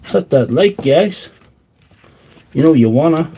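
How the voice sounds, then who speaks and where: Fixing tools in his workshop, a livestream host chats loosely and rambles to his viewers while he works. His wheezy voice sits on the high side with a dark tone, animated but slow. A stand-mounted mic close by captures it, along with slight hiss or hum.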